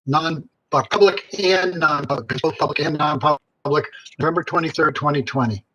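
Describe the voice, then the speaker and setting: A man chairing a remote town board meeting whose audio breaks up badly over the call line, halting and correcting himself as he goes. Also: a little high, pushed and bright, a little hiss or hum, low-quality recording.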